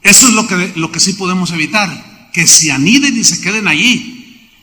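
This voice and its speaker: A man preaching from the pulpit in a high, piercing voice. He drives the sermon with lively questions to the congregation, and the sound rings out with a long reverb through the church hall. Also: moderate pace. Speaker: pastor.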